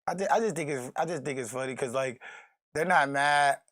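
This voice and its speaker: Rowdy podcast guy, kinda high voice, cussing and clowning around, gets yelly. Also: a little fast. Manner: loud, joking, profane, swings to shouting. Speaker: podcast co-host. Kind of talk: casual podcast banter.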